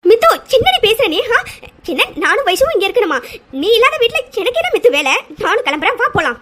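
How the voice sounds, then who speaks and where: A woman's voice: very high-pitched, big pitch swings, fast, a bit bright, voice pushed up, exaggerated voice. A woman voicing a protective middle-aged mother in a cartoon serial, firm and defiant. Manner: firm, pleading then defiant.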